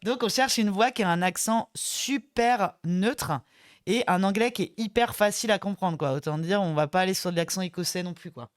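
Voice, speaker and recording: A woman's voice: medium pitch, normal speed. A woman co-hosting a webinar, explaining things in a chatty, teasing way. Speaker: co-host of a company webinar. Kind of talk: casual webinar chat.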